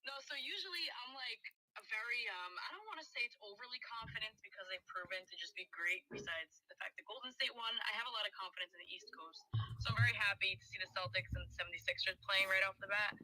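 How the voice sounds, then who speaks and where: A woman's voice: mid-range voice, quick pace, pushed and bright, no echo, poor audio. A woman chatting playfully and teasing in a casual sports betting talk. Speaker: guest bettor.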